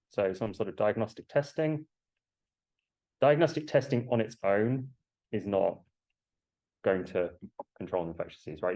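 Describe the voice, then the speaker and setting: A man lecturing to a class through a face mask while he has a cold, explaining in a halting way and putting questions to students. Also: low voice, darkish tone, rough recording.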